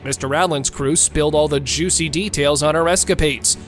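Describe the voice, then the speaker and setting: High-pitched man narrating, mocking and slangy. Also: fairly even intonation, brisk, faint music behind. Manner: mocking, theatrical. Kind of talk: slangy recap narration of a court show.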